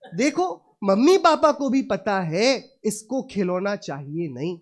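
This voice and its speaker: A man preaching an afternoon Jain sermon in an unhurried, deliberate rhythm. He keeps putting questions to his audience, addressing them as brother. His delivery is emphatic and rhetorical. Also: high voice, animated.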